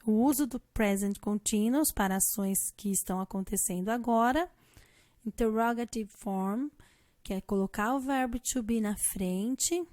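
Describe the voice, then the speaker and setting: Slow, patient Brazilian teacher woman. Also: on the high side, a little mellow, no echo. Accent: Brazilian Portuguese. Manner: slow, patient explaining, spelling letters out. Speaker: English teacher. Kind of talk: recorded grammar lesson.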